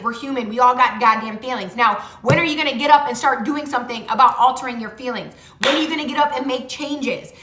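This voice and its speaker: A woman's voice: high voice, pushed and bright. A young adult woman giving a tarot reading in a blunt, pushy way, swearing freely and ending points with "okay?". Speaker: tarot reader and motivational vlogger. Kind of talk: casual tarot reading talk. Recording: echoey room.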